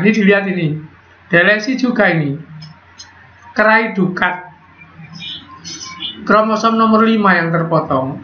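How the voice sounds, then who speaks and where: A man teaching a biology class in a chatty lecture style, quizzing students and joking as he explains. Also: high-pitched. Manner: chatty, asks students questions, jokes. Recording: echoey room, dull lo-fi sound.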